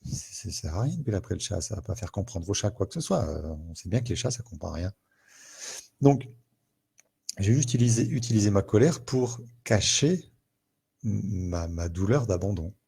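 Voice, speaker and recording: Male therapist, live explainer, low gravelly voice, thinks aloud and acts out scenes. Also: expressive, moderate pace, warm tone.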